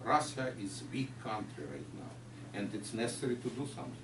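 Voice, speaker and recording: A man's voice: medium pitch, a little fast, creaky. Ukrainian-accented male lecturer taking questions, recorded from afar amid background noise. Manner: non-native phrasing, patient explaining. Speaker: guest lecturer. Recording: echoey room, far mic, noisy.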